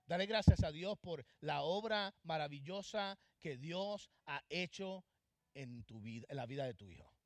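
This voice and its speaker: Male pastor, sermon, high voice, dry close sound, impassioned, loud-to-hushed swings. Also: animated, unhurried, dry recording. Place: church.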